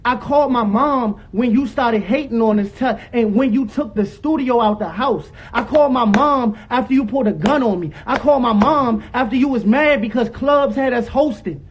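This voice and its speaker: A young man, angrily telling his side of a dispute on a live stream, repeating himself and rising toward yelling. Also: very high-pitched, normal speed, hardly any pauses, a little hiss or hum. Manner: angry, repetitive, rising to yelling. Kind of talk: heated live-stream rant.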